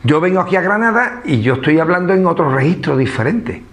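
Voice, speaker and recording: A man's voice: on the high side, sing-song, a little fast, a crowd in the background. A man with an Andalusian accent giving an informal public talk, conversational and full of rhetorical questions. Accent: Andalusian Spanish. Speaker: speaker at a book presentation.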